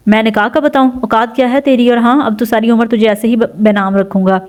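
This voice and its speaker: A woman's voice: a little high, fairly even intonation, a little mellow, close to an everyday voice. A woman doing a cruel young landlord. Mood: contemptuous. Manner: contemptuous, bullying.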